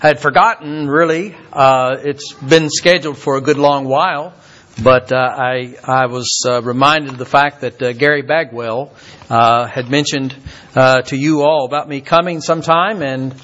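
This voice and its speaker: An older man from Kentucky, a visiting preacher who talks haltingly and repeats words, with many fillers. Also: medium pitch, fairly even intonation, a bit bright, highs cut off. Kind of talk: sermon.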